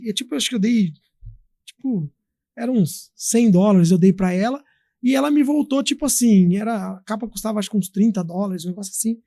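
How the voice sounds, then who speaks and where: A man from Brazil, a guest in an interview, telling a story in a lively, chatty way with many fillers. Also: sits high, no echo, clean studio sound. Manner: animated, acts out quoted voices, many fillers. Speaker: guest, company founder.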